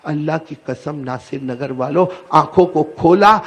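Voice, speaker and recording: A man's voice: fairly high pitch, slight background noise. A man preaching a storytelling sermon, prompting the audience to repeat after him.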